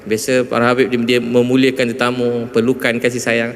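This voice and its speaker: A man with a Malaysian Malay accent giving a storytelling religious talk to a mosque audience, rising emphatically at high points. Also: monotone, fairly quick. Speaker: visiting preacher. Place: large mosque hall. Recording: reverberant mosque hall.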